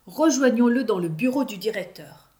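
A woman's voice: on the high side, lively intonation, moderate pace, darkish tone, lightly acted. A woman reading aloud, voicing an eager, impulsive young orphan boy in a storybook.

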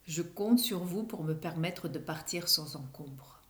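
A woman reading aloud, voicing a courteous elderly count in a storybook, soft and polite. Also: lowish voice, expressive, measured pace, echoey room. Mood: hushed.

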